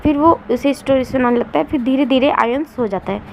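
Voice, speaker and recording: A woman's voice: high-pitched, brisk, vocal fry, slight background noise. A woman narrating a fanfiction story casually, hesitant, with fillers between lines. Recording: dull lo-fi audio.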